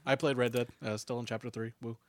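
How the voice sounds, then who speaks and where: A man's voice: medium pitch, flat delivery, fast, dry recording. A man co-hosting a gaming podcast, telling stories in a laid-back, casual way. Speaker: podcast co-host. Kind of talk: casual chat.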